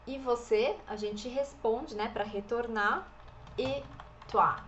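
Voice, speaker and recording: A woman teaching an online French lesson, enunciating slowly and carefully and drawing out example words. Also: a little high, fairly bright tone, muffled recording, a little hiss or hum. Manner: slow, careful enunciation with drawn-out model words.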